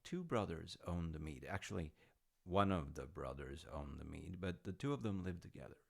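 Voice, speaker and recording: In an intimate audio roleplay, a man plays an easygoing, artsy dad casually recounting Norse myths to his grown child with wry, understated humour. His voice sits low and creaky, expressive and exaggerated, at a moderate pace. He sounds wryly amused.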